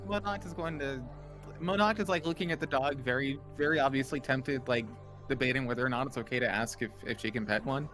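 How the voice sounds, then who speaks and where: A man playing a tabletop game, casually describing what their character does in an informal, animated way. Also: mid-range voice, fast. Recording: music clearly behind the voice.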